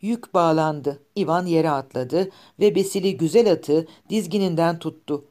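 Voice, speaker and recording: A woman reading a classic novel aloud as an audiobook narrator, calm and steady. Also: sits low, moderate pace. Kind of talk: scripted narration.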